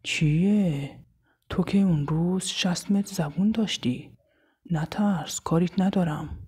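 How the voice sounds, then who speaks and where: A woman voicing a proud, cold older man in an audio story, with a thick, manly voice and a slow, curt, mocking way of speaking. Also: lowish voice, dark tone, husky.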